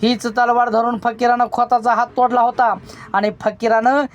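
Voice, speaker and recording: A narrator reading a novel aloud in a measured storytelling manner. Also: medium pitch, level tone.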